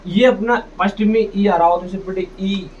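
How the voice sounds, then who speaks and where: A man's voice: high voice, steady tone, normal speed, darkish tone. A man teaching English reading in a classroom, sounding out words and quizzing his students with his own questions. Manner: drills pronunciation, asks and answers his own questions. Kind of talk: classroom phonics lesson. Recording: distant dull mic with faint noise.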